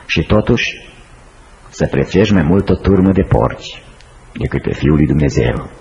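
A man preaching a sermon, swinging between high urgent pleas and slow, hushed low phrases. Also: expressive, creaky. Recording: slightly dull lo-fi recording with faint noise.

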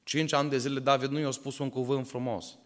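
A man's voice: mid-range voice, flat delivery, a bit bright. Preaching man in a reverberant hall. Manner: preaches directly to the congregation with frequent rhetorical questions; tells stories and voices the people in them. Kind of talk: sermon. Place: church hall.

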